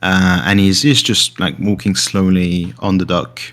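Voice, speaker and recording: A man's voice: deep voice, level tone, a little slow, a bit bright, soft background music. A man narrating a tabletop game as game master, hesitant with many fillers.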